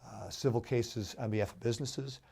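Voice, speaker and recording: A middle-aged man speaks with a hoarse, cold-roughened voice that sits warm and dark. He tells his background as a judicial candidate in an earnest, measured way, pausing on fillers as he goes. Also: mid-range voice, fairly even intonation. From Chicago, USA. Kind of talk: interview guest.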